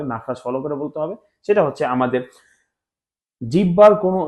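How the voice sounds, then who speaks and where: A man teaching Arabic letter pronunciation in a lesson, repeating each letter slowly and mixing in English words. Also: mid-range voice, a little mellow. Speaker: Quran teacher.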